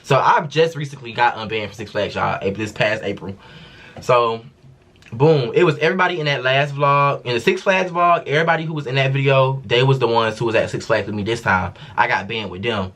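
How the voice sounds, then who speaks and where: A man's voice: mid-range voice, a little fast, fairly bright tone. Slangy, profane young man with a drawl. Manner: casual, profane, slangy storytelling. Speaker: vlogger. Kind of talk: storytime vlog.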